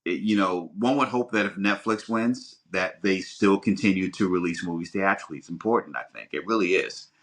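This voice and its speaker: A man whose voice sits low and sounds a bit bright co-hosts a podcast, offering casual opinions. His delivery is emphatic yet halting and rambling, with frequent repeated words as he works out his point.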